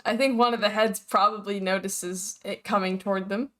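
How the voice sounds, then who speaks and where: A woman's voice: mid-range voice, steady tone, moderate pace, pushed and bright. A woman narrating as game master of a tabletop game, easygoing and giggly.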